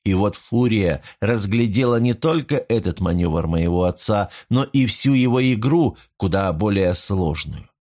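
A man narrating a first-person literary novel as an audiobook, reading in an even, steady manner. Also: fairly low pitch, measured pace.

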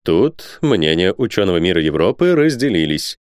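A man reading a novel aloud as an audiobook narrator, with expressive delivery. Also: low-pitched, normal speed, smooth, no room sound, clean studio sound. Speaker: audiobook reader. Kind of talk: scripted narration.

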